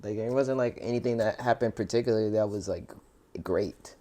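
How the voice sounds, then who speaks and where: A man's voice: lowish voice, brisk, mellow. A man co-hosting a podcast, laid-back and joking, trailing off with fillers in casual banter. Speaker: podcast co-host.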